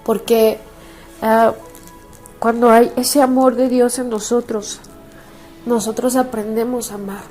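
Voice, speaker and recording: Woman pastor, mellow voice, chatty devotional telling a story, soft music under it. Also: on the high side, flat delivery, slow pace, pauses often. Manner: warm personal storytelling with soft laughs and restarts. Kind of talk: devotional sermon. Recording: faint background music.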